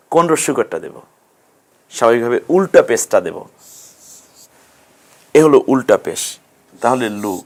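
A man teaching a recorded Quran reading lesson, explaining letters and vowel marks step by step and putting questions to his students. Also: medium pitch. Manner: patient, step-by-step explaining, asks questions of learners.

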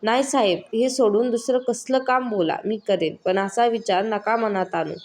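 A woman's voice: on the high side, moderate pace, a little mellow, lightly acted. A woman voicing a poor, hardworking village wife in a spoken story, pleading and defiant.

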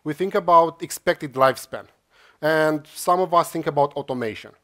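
A slightly high, somewhat bright male voice at normal speed belongs to a Romanian conference speaker. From a big lecture hall stage he explains his topic to the crowd, with many "uh" sounds and restarts.

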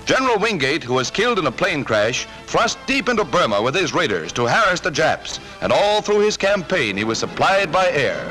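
A man narrating a 1940s wartime newsreel in a brisk, punchy, patriotic manner, heard as an old newsreel soundtrack. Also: fairly high pitch, sing-song, low-quality recording. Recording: narration over loud music.

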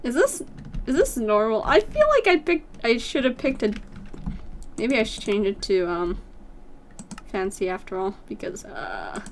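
A woman giving casual gameplay commentary, chatty, her voice jumping high when she gets excited. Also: a little slow, a little hiss or hum. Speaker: gameplay streamer.

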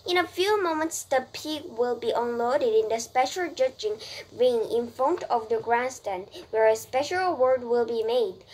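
A woman's voice: sits high, low-quality recording. A woman voicing a pompous, formal fairground announcer from a storybook, stumbling here and there as she proclaims. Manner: halting, stumbles and repeats words.

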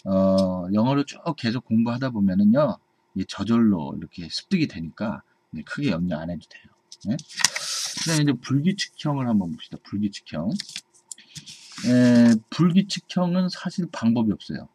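A man's voice: medium pitch, darkish tone, husky. A man giving a patient English grammar lesson, repeating points and checking in with his students. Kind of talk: explanatory classroom lecture. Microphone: camera mic at a desk.

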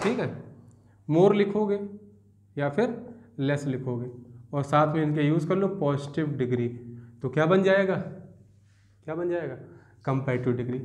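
Male grammar teacher with a Hindi accent, high-pitched, echoey classroom lecture. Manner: explains step by step, asks rhetorical questions, repeats answers back. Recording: roomy echo.

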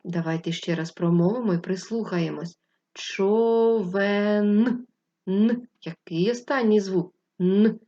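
A woman leads a lesson for young children, talking slowly and clearly and stretching out syllables. Her voice sits a little low, and the recording sounds dull and lo-fi. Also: a little mellow. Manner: patient, speaks to children, draws out syllables. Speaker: primary school teacher. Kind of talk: slow, clear remote lesson for first graders.

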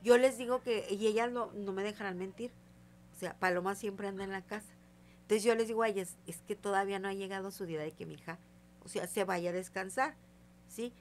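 A woman's voice: mid-range voice, fairly even intonation, a little fast. An older woman, a guest psychic telling stories in a casual interview and acting out the voices in them. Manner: tells stories vividly, acting out quoted dialogue.

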